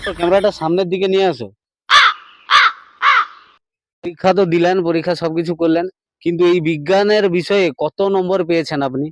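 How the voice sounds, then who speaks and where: High-pitched parody news anchor, played by a man. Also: fairly even intonation, racing, darkish tone, dry recording, lightly acted. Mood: mock-grave. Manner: mock-earnest, wordy, repeats phrases like a live reporter. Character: excitable male parody TV news reporter. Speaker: host of a parody news show. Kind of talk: parody news anchor, live street interview.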